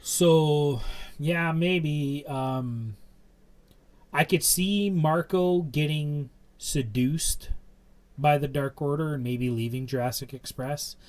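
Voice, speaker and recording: A man's voice: on the high side, takes it slowly. A young man co-hosting a podcast, rambling through a casual wrestling recap with lots of fillers. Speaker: podcast co-host.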